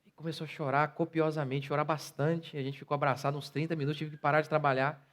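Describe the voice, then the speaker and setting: Brazilian pastor in his forties, slightly high voice, preaching with rising passion. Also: quick pace. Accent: Brazilian Portuguese. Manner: builds from calm storytelling to loud impassioned preaching. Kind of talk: sermon.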